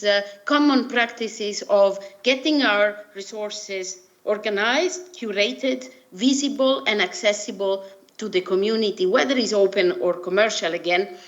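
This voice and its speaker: A woman from Italy with an Italian accent gives a formal, haltingly phrased presentation over a video call. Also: fairly high pitch, a bit bright. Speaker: presenter at an online workshop. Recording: dull, muffled video-call audio.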